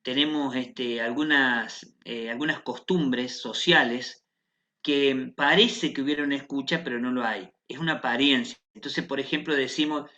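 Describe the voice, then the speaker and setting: A man's voice: medium pitch, moderate pace, bright, forceful tone, dull audio. A man with a Rioplatense Spanish accent speaking on a panel, reflective and using frequent fillers. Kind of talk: panel discussion.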